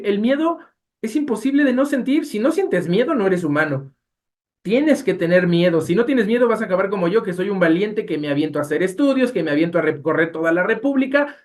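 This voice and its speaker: A man with a Mexican accent teaching a Bible study class, talking in an animated way and asking his listeners rhetorical questions. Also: sits high. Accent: Mexican Spanish.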